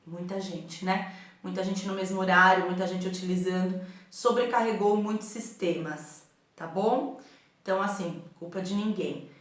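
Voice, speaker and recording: A woman's voice: medium pitch, a bit bright. A Brazilian woman teacher recording a remote lesson from home, chatty and encouraging, often checking in with her pupils. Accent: Brazilian Portuguese. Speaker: schoolteacher. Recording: very echoey room at home.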